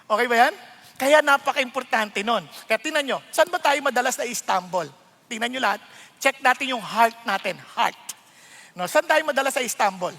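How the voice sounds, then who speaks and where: Male pastor, middle-aged, lively sermon, high bright voice, long hall reverb. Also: moderate pace. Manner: animated, laughing often, mixing English into his talk.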